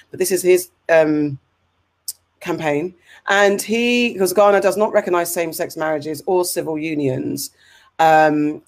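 A deep-voiced woman with an English accent hosts a casual discussion podcast. She talks in an animated, rambling way, full of fillers and restarts.

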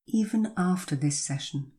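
A woman runs a guided hypnosis session in a soft, breathy, fairly low-pitched voice that's still animated. She speaks in slow, soothing, stretched-out phrases with long pauses between them.

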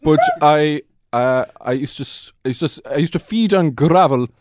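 A man playing an old Irish storyteller, earnest and absurd, with a lilting, wistful, halting delivery in an improvised comedy interview. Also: a little high, darkish tone, no room sound, clean studio sound, lightly acted. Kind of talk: improvised comic interview in character.

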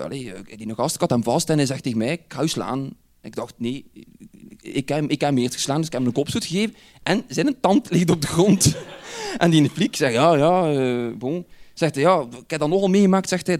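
A man with a Flemish accent, telling a personal anecdote in an animated way and chuckling often as he goes. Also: on the high side.

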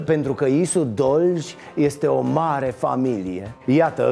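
Gravelly-voiced sarcastic male host. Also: a little high, warm tone. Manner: sarcastic, mocking, punchy. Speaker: satirical show host. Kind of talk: satirical news monologue.

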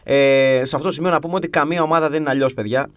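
A podcast co-host who is half English chats casually in a slightly high, steady voice, recorded dry. He tells stories with a wry, grumbling humor.

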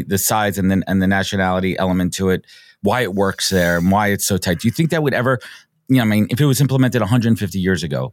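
A man hosting a podcast interview, eager and chatty, often repeating words as he gets excited. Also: lowish voice, no echo, studio quality. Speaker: podcast host. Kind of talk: enthusiastic interview chat.

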